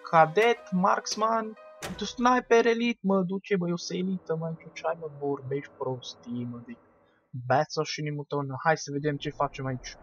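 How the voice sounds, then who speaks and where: A man giving excitable let's-play commentary, shouting and trash-talking at enemies. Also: on the high side, highs cut off, soft background music. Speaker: gaming video host.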